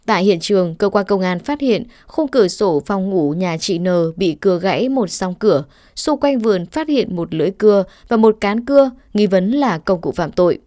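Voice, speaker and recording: A woman reading a news report voice-over in a steady, formal way. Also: mid-range voice, normal speed, hardly any pauses, dry recording, clean studio sound.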